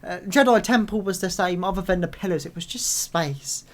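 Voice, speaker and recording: A young man hosting a live reaction video, casual and excitable, swearing and breaking into loud bursts of delight. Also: high voice, normal speed.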